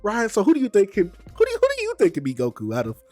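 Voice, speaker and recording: Casting note: animated, argumentative male streamer, slightly raised pitch, dry close mic, faint music under. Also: racing, no echo. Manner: animated, argumentative, repeats himself. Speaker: streamer host. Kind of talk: casual stream chat.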